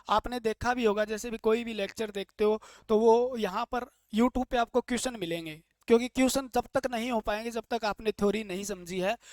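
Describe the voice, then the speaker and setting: A male teacher lectures in a casual, jokey way, firing off questions and then answering them himself. His voice sits at an ordinary middle pitch. The sound is dry and close, with no room echo. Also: a little mellow. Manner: asks questions and answers them himself, drilling key points; plain, chatty and jokey explaining. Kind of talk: classroom lecture.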